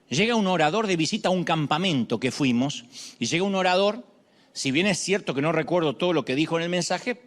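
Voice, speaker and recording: A middle-aged man preaching a sermon, dramatic, moving from shouts to hushed lines, with humorous asides. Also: a little high, long reverb tail.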